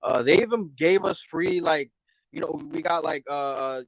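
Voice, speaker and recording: A man's voice: on the high side, moderate pace, a crowd in the background. A man on a distorting, clipping mic, chatting casually as a guest on a gaming stream and often stopping to restart his words. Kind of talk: casual online chat.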